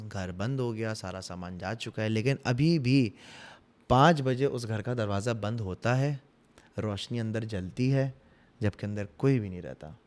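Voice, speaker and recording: As a podcast guest, a man with a Pakistani Urdu accent and a mid-range voice tells ghost stories in casual storytelling fashion. He's animated and dramatic, sometimes dropping to hushed tones.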